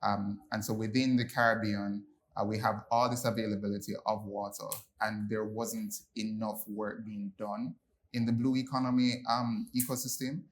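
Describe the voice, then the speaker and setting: Low-voiced young man from Jamaica. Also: moderate pace, slight background noise. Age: young adult. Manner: relaxed, many ums and restarts. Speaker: panelist. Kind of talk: panel discussion.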